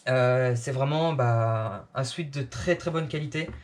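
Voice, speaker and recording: A man's voice: mid-range voice, unhurried. A man casually reviewing clothes he bought, with many fillers and restarts.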